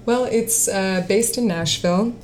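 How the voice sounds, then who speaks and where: This casual interview features a woman in her late twenties, a singer-songwriter and actress, whose mid-range voice is unhurried and a little mellow. Her chat is filled with fillers and frequent laughter, with slight background noise.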